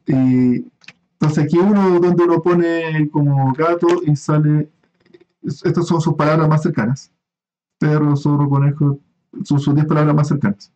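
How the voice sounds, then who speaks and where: Lecturer, slightly high voice, dull audio. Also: male voice, mellow. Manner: explanatory, many fillers and restarts, checks in with "¿ya?". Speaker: university lecturer. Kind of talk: recorded online class lecture.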